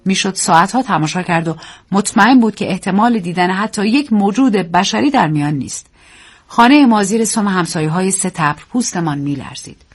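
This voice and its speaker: Breathy woman reading a novel aloud. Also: mid-range voice. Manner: expressive literary storytelling. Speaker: narrator.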